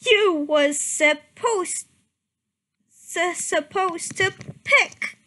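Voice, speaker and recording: In a very high, sharp-toned voice that draws words out, a woman delivers a comedic dramatic reading of a fan fiction piece. Misspellings trip her up as she reads them literally, and she's giggly, often overcome by helpless laughter.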